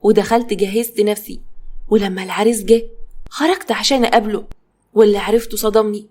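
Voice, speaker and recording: A woman's voice: mid-range voice, steady tone, fast, a little mellow. A woman with an Egyptian Arabic accent narrating a first-person story in a chatty way, turning to her listeners now and then. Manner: chatty, addresses listeners directly.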